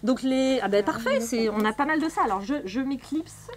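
A woman hosting a library live stream, reading a novel aloud in a clear, measured way. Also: high-pitched, lively intonation, a crowd in the background. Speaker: library host.

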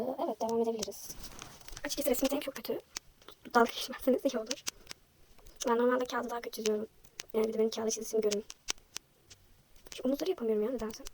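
A young woman talks quickly through her own drawing in a high voice, running herself down as she goes. Her throat is a little sore, so she sounds slightly hoarse. A faint hiss sits under the recording. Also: darkish tone. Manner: chatty, self-deprecating, thinking aloud. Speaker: vlogger. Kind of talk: casual chat while drawing.

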